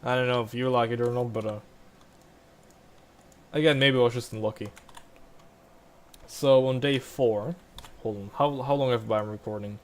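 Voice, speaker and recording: A man's voice: medium pitch, steady tone, moderate pace, long pauses. A young man casually rambling over gameplay, full of likes and restarts. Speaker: gaming vlogger.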